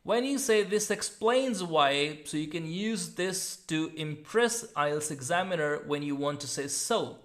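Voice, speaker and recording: A man with an Indian English accent teaching English exam skills, slowly explaining words and repeating points. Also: a little high, animated, a bit bright. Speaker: IELTS teacher. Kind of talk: explaining an exam model answer.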